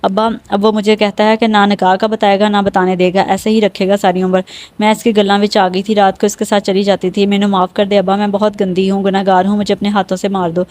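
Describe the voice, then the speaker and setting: A wronged, grieving young village woman , as a woman narrator puts her on, pleading and accusing. Her voice sits at a middling pitch and stays flat. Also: close to an everyday voice.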